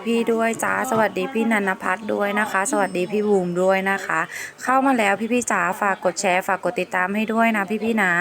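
A woman live seller giving a repetitive, coaxing sales pitch to viewers, with polite endearing address.

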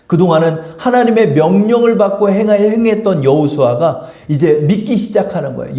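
A male pastor preaches in a high, lively voice that swings up and down. He talks to his congregation in a chatty way and keeps asking them questions. The sound echoes around a church sanctuary. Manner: animated, conversational preaching with rhetorical questions. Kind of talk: sermon.

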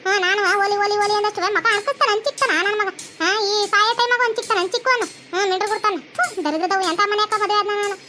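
Woman voicing a foul-mouthed cartoon daughter-in-law, North Karnataka Kannada accent, piercingly high, bright and rapid. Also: faint music behind. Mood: defiant. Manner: defiant, insulting, rapid. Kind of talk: cartoon voice acting.

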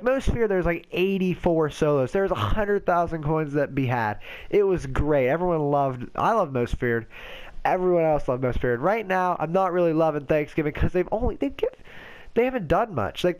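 Congested-sounding guy, nasal and a bit high, smooth tone, chatty stat-reading gamer commentary. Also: rough recording. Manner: rambling, reads off player stats, self-correcting. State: stuffy nose from a cold. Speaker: game video host. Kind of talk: casual gaming commentary.

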